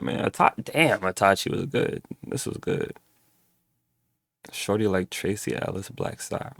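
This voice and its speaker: A man's voice: on the low side, vocal fry, dry recording. A young man hosting a music reaction video, talking loosely and thinking aloud with lots of fillers. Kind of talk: casual album reaction commentary.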